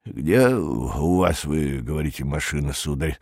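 A frail, know-it-all old man over 60, as an audiobook reader puts him on, muttering low and quiet, pitched below the reader's own voice. The storybook reading has a dry, close sound. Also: animated, a little slow, husky, dry recording, full character voice. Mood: grumbling.

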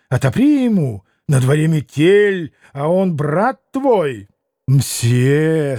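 A man's voice: fairly high pitch, warm tone, no echo, studio quality. A sly mocking devil, as a man reads him. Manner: mocking, theatrical. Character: mocking male devil guest, sly and sneering. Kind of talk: audiobook character reading.

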